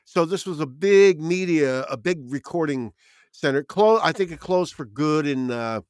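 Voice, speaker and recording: A man's voice: fairly high pitch, expressive, moderate pace, a little mellow, clear, resonant tone, no room sound, studio quality. A man with a New Jersey accent, co-hosting a music show and telling stories in casual, rambling chat while reeling off long lists. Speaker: podcast co-host.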